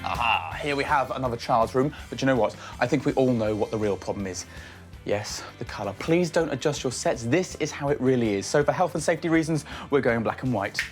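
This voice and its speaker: Lively punning male property presenter. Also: mid-range voice, brisk, soft background music. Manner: playful, punning, theatrical asides. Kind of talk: jokey TV presenting and narration.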